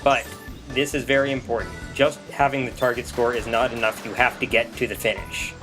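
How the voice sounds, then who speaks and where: A man casually commenting on a video game he is playing, rambling with pauses and restarts. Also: medium pitch, little pitch movement, over music. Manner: rambling, full of ums and restarts. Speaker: let's play commentator.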